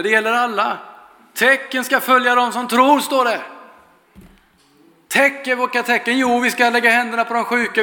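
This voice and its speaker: Man, preacher, sermon with prayer, earnest and fervent, high voice, echoey church hall. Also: sharp tone. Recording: echoey hall with long reverb.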